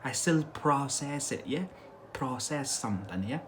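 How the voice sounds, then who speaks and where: Background noise accompanies this casual live English lesson from an Algerian man who grew up speaking Algerian Arabic. His pitch is medium with lively intonation, and his pace is measured. Emphatic and repetitive, he regularly checks in using "yeah?" and "that's it".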